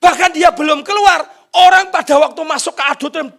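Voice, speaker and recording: A pastor delivering a charismatic sermon, swinging from shouted pleading to hushed whispers. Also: male voice, very high voice, fairly quick, gravelly.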